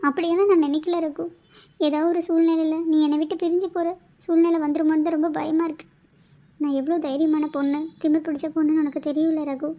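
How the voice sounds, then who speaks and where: A woman voices a devoted young cartoon heroine in love. Her voice sits very high, and she speaks softly and from the heart, with a pleading edge. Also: level tone, quick pace, highs cut off, lightly acted. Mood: fearful. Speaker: voice actor. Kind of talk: cartoon voice acting.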